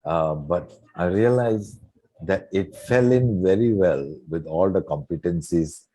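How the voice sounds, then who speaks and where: Low, husky older man from Singapore. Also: measured pace. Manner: reflective, many fillers and soft laughs. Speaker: guest coach. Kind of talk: relaxed interview conversation.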